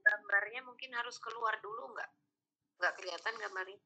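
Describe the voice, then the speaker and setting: Online class participant, woman, bright voice, phone held away from the mouth, short plain remarks. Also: medium pitch, brisk, muffled recording.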